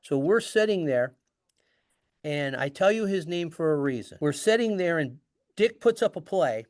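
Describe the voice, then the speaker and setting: Storytelling man, higher voice, dry sound. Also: normal speed, no room sound. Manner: animated, acts out dialogue. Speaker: guest storyteller. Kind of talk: casual storytelling.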